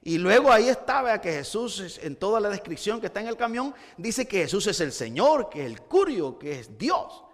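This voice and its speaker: A man's voice: high voice, big pitch swings, moderate pace, hardly any pauses, big-room sound. A man preaching a sermon as pastor, with rising emphasis and frequent repeated starts. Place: church hall.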